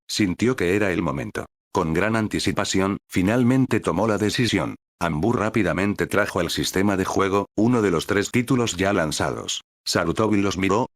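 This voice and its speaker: A man narrates a serialized story with a steady, even reading. His voice is very low and the sound is dry and close to the mic. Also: dry recording.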